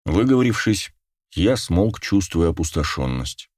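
A man with a low, dark voice reads a first-person audiobook at a measured, unhurried pace. His delivery is steady and close to the mic. The recording is dry, with no room sound. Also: no echo. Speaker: audiobook narrator.

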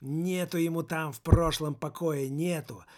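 Brief: male reader doing a frantic, shifty man, raised and slightly higher voice, pleading and warning. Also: fairly even intonation, unhurried, a little mellow, lightly acted. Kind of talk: audiobook character reading.

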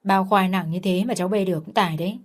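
A woman doing a hushed, confiding older coworker. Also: fairly even intonation, fast talker, lightly acted. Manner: speaks in a low confiding tone.

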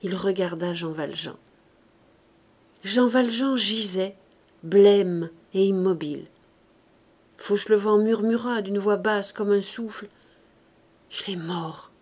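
A woman narrating a classic novel for an audiobook. Her delivery is measured and calm, in steady storytelling. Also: mid-range voice. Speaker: audiobook reader.

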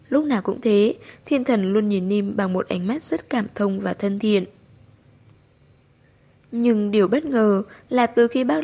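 A woman storyteller giving an audiobook narration of a novel in a steady, expressive reading. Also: mid-range voice.

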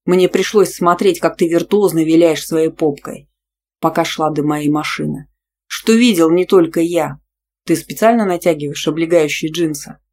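Gruff, pushy young dragon man voiced by the audiobook reader, growls his lines, stubborn and demanding. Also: on the high side, flat delivery, moderate pace, darkish tone, slight background noise, natural voice. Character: brash young male dragon shifter, pushy teacher. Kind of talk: audiobook character voice.

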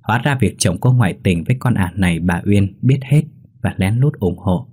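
A man narrating a scripted story in a steady, measured reading. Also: low voice, husky.

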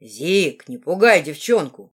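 A woman voicing a calm young male half-dwarf student who speaks in a matter-of-fact way. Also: on the low side, slow, slightly rough, exaggerated voice.

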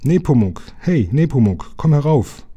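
A man's voice: mid-range voice, lively intonation, moderate pace, dark tone, breathy edge. A man doing an eager young boy. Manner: calls out eagerly. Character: eager young boy, engine driver's friend. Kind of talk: storybook reading aloud.

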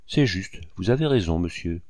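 A man's voice: sits low, lively intonation, moderate pace, darkish tone, no echo, studio quality. A man voicing a sneering, scornful planter. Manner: sneering, doubtful. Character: scornful male colonial planter, mocking.

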